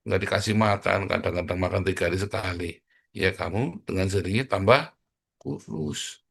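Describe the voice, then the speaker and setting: Middle aged guy preaching, kinda low and gravelly, blunt jokey style. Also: a bit bright. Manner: blunt, joking, provocative preaching; addresses listeners as brothers and sisters. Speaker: pastor. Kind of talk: sermon.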